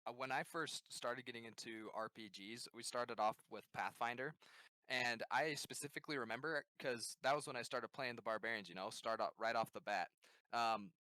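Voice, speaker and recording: Jokey man with a bright, dry voice. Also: medium pitch, fairly even intonation, normal speed, dry recording, poor audio. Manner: jokey, riffs with laughs. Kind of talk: casual podcast chat.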